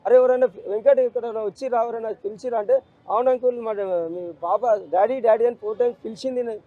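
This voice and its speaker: A man's voice: very high-pitched, fast talker, narrow, tinny audio. A middle-aged grieving father, speaking in an emotional street interview, pleading and repeating himself. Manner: grief-stricken, repetitive, pleading.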